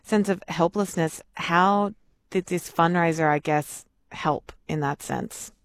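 Low-voiced woman interviewer. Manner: gentle, measured questions. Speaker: radio interviewer. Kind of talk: radio interview.

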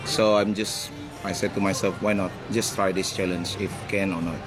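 A man who grew up in Malaysia, a head chef, chatting casually and haltingly in a radio interview and laughing often. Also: sits low, level tone, over music.

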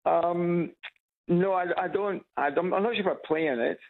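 Here a caller from Edinburgh, Scotland, phones a radio program on loudspeaker, the line sounding tinny. His voice is high-pitched and his pace normal; he chats haltingly, repeats words, and chuckles over his own stories.

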